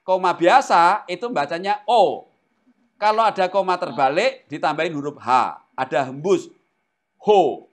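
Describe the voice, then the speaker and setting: A man's voice: high-pitched, moderate pace. A man teaching a Greek language class who keeps quizzing his students. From Indonesia. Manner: animated, asks the class questions often. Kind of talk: classroom lesson.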